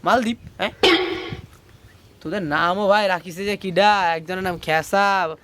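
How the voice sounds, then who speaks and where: A man's voice: high voice, steady tone, a little slow. A man playing a crude, snappish village cyber-café operator who swears and barks orders in a comic sketch. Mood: gruff. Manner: coarse, swearing, barking orders. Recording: loud background noise.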